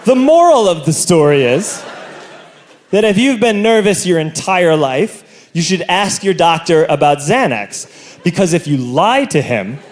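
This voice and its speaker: A man telling a stand-up comedy story in an animated, theatrical way, moving between loud bursts and low asides. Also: measured pace.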